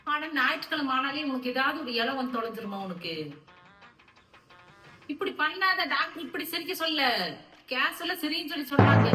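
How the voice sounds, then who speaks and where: Exasperated mom, high voice, recorded off-mic with music behind. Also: female voice, echoey room, distant mic. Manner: scolding, exasperated, swings between grumbling and shouting. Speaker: mother scolding her prankster daughter. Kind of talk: casual family prank video.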